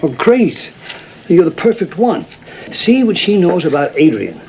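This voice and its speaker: An actor playing a brisk male police detective in a TV drama, matter-of-fact and commanding as he briefs colleagues. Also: high voice, big pitch swings, dull audio, a crowd in the background, exaggerated voice. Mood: businesslike. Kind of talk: naturalistic TV police drama acting.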